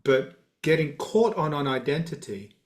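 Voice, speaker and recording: Measured man, meditation teacher. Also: on the high side, big pitch swings, a little hiss or hum. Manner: measured, reflective, halting with fillers. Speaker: guiding teacher of a meditation community. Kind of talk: dharma talk Q&A.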